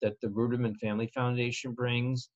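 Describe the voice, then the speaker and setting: A man's voice: medium pitch, little pitch movement. Earnest man, slightly dull recording. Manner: earnest, measured, repeats opening words. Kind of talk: conversational interview.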